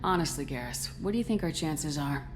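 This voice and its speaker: Very low-voiced woman military commander. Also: brisk, music in the background. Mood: warm, probing. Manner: calm, firm, direct. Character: steady, supportive human female military commander. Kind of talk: video game voice acting.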